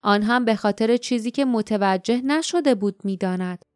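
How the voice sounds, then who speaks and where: A woman's voice: darkish tone, no room sound, studio quality. A woman narrating an audiobook, reading the dialogue with light character voices. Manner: reads dialogue in light character voices, raising pitch for quotes. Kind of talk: scripted narration.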